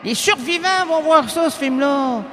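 A man's voice: very high-pitched, a little slow, pushed and bright, slight background noise. A man with a Québécois accent doing a rambling improvised comic monologue full of wordplay. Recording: long hall reverb with faint music.

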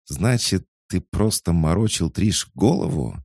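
A man voicing an angry, sharp-tongued young woman mage who speaks in accusing, threatening tones. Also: low-pitched, big pitch swings, measured pace, creaky, slightly rough, no echo, studio quality, pitched above the performer's own voice, full character voice. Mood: suspicious.

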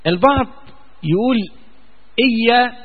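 A man with an Egyptian Arabic accent giving a religious lesson on Quran commentary, chanting verses slowly and then explaining them in colloquial asides. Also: very high voice, lively intonation. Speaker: sheikh teaching Quran commentary. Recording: tinny phone-like sound with long hall reverb.

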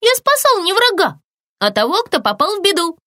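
A woman voicing a brave, kind little male hare cub in an audiobook, calling out in a high, urgent voice. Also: sing-song, moderate pace, no room sound, studio quality, heavily acted. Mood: earnest. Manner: urgent, high-pitched shouting.

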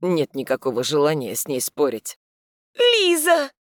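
A man narrating a first-person audiobook in a brooding manner, slowing down for bitter inner thoughts. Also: fairly high pitch, dry recording, clean studio sound.

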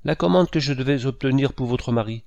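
A man's voice: medium pitch, gravelly, a little mellow, muffled recording, pitched above the performer's own voice, close to an everyday voice. A man voicing a flustered chattering old society lady. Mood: fussy gushing. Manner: rushed, piling up phrases, repeating herself.

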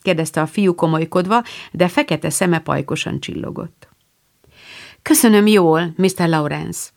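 A woman narrating an audiobook, reading dialogue in a lively, playful way. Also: on the low side, gravelly. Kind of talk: audiobook narration with character voices.

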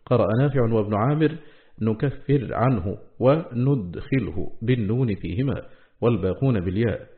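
A man reading a classical scholarly text aloud in a measured recitation, slowing down to spell out each quoted word. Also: medium pitch, narrow, tinny audio. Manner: slows to spell out quoted words.

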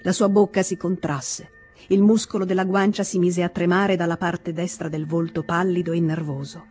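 A woman reading a classic novel aloud in a measured, expressive narration. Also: lowish voice, faint music behind. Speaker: audiobook reader. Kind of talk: literary audiobook narration.

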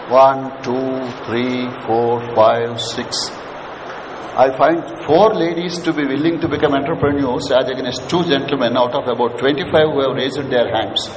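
A man with an Indian accent giving an interactive lecture to students, prodding listeners with questions and repeating his points. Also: a little high. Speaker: lecturer leading a management session. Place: large hall with an audience of students. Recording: echoey hall, clearly noisy background.

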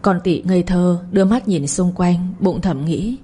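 A woman's voice: fairly low pitch, a little slow, dark tone, breathy edge. A woman narrating a serialized family drama, reading every character's lines herself. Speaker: storyteller.

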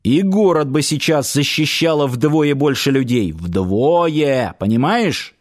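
A man voicing a grumpy, one-legged old male dormitory warden who talks gruffly and grudgingly. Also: a little high, lively intonation, slow pace. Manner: gruff, grumbling.

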